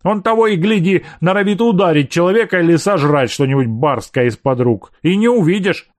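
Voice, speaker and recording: A man voicing a quarrelsome middle-aged housekeeper woman who scolds in a high, shrill voice. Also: animated, brisk, no echo, clean studio sound. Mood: scolding.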